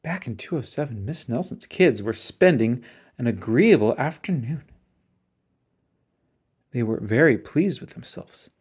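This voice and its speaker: A storybook reader giving an expressive children's read-aloud narration. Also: mid-range voice, a little slow, long pauses, slightly rough.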